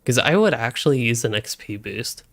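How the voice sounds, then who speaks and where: A man's voice: mid-range voice, lively intonation, moderate pace, creaky, fairly bright tone, no echo. A young man rambling through casual live-stream commentary while he plays, thinking aloud from a room at home on a desk microphone. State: hiccuping. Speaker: gaming streamer.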